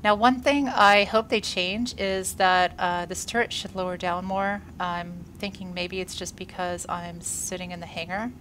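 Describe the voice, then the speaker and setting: Unhurried yet with hardly any pauses, a woman speaks in a steady, fairly low and fairly bright voice, chatting cheerfully about the space game she's playing over a slight hiss or hum. She's congested and a little wheezy after a workout and being sick, with frequent "uh" fillers. She's a gaming video creator.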